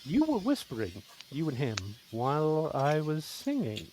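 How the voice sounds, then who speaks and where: A man's voice: fairly high pitch, huge pitch swings, unhurried, a little mellow, a little hiss or hum, low-quality recording. A man acting a wistful, sentimental tin man with theatrical, lilting delivery in a parody radio play. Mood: hurt, doubtful.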